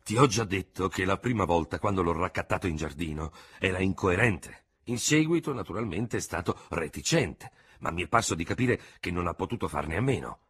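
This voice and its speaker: A man doing a calm grey-haired army surgeon. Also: sits low, breathy edge, full character voice. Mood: patient. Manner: measured, level-headed advice.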